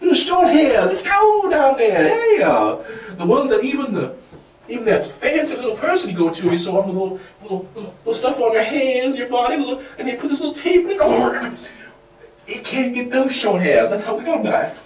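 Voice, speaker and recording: A man delivering a rambling comic rant, swinging wildly in pitch and loudness and laughing as he goes. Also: big pitch swings, a little fast, a little hiss or hum. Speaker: comic monologue host. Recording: roomy echo, distant from mic.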